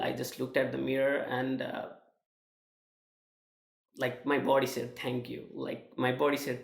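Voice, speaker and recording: A young man from Nepal with a Nepali accent, sharing a personal testimonial in a halting way, with many fillers and restarts. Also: mid-range voice, gravelly, reverberant. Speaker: student sharing his experience.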